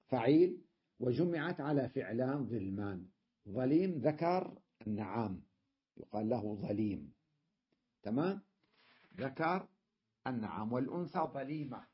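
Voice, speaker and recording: A man's voice: medium pitch, husky, lo-fi sound. A man teaching a grammar class, explaining step by step and often checking that his students follow. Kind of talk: classroom lesson.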